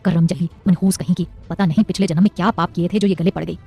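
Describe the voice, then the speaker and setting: A woman voicing a cruel middle-aged housewife who scolds in a shrill voice. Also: fairly even intonation, fast, warm tone, breathy edge, faint music behind. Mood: scolding.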